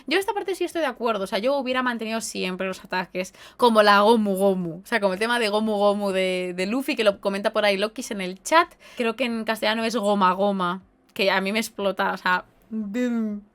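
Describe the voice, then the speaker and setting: A woman with a Spain Spanish accent hosting a casual live podcast, chatty and expressive as she reads out viewer comments. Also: medium pitch, fairly quick. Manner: chatty and expressive, with lively exclamations. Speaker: podcast host and streamer.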